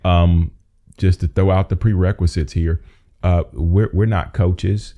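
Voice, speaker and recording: A man's voice: low voice, steady tone, unhurried, warm tone, highs cut off. A man co-hosting a casual podcast conversation, rambling and restarting his sentences as he thinks aloud. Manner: rambling, restarts and repeats himself. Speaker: podcast co-host. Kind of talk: casual chat.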